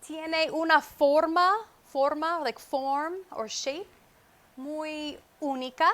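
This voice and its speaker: A woman with a bright, high-pitched voice and steady tone teaches Spanish at a whiteboard in a comprehensible-input lesson, using a wireless microphone. She speaks slowly and deliberately, repeating key words with English glosses.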